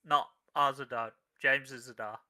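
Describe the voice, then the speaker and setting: A man playing a tabletop game, talking in a low-key way and muttering his rolls. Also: fairly even intonation, normal speed, bright, forceful tone, no room sound. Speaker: tabletop player. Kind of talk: casual tabletop game chat.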